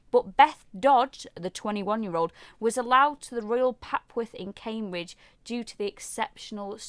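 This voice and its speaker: A British woman co-hosting a casual podcast, chatty and quick to laugh, reading out news stories. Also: fairly high pitch, dry recording. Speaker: podcast co-host.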